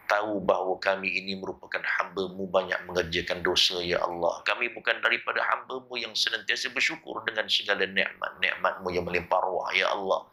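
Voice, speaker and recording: A man's voice: low voice, bright, forceful tone. A man with a Malaysian Malay accent, a preacher in a mosque, closing his sermon with a fervent pleading prayer full of repeated refrains.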